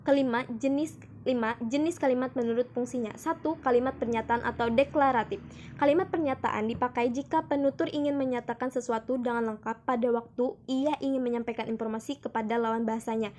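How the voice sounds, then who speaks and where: A young woman student presenting a grammar lesson, reading it aloud steadily with the odd small self-correction. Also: fairly high pitch.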